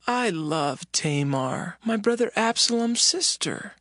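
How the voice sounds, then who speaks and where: A brooding young prince. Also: male voice, high voice, animated, takes it slowly, fairly bright tone, no echo, studio quality, exaggerated voice. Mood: lovesick. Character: young prince, lovesick then cold and cruel.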